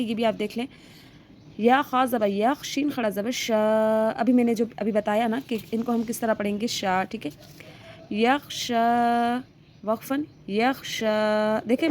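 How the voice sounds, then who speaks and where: Slightly high but darkish in tone, this woman's voice comes with a little hiss or hum. Working through a reading lesson one step at a time, she sounds out letters patiently, draws out the vowels, and often pauses to check in with "theek hai."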